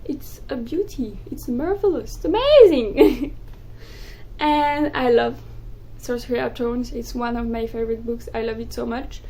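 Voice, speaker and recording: High-pitched young french-speaking woman gushing about her books, excitable, rattles on. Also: low-quality recording. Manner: excitable, gushing, quick bursts. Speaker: book vlogger. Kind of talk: casual chat to camera.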